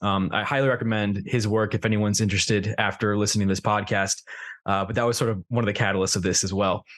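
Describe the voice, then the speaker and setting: A man's voice: on the low side, steady tone, quick pace, fairly bright tone. A young man hosting a podcast, conversational and thoughtful, with plenty of fillers as he talks. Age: young adult. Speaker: podcast host. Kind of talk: casual podcast interview.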